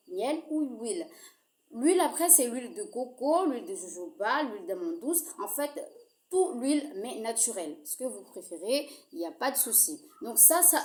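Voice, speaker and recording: A woman giving a casual skincare how-to, talking straight to her viewers with a hesitant delivery full of fillers, and she apologizes for her own accent. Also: on the high side. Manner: hesitant, many fillers, addresses viewers directly. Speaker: skincare tutorial host. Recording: echoey room.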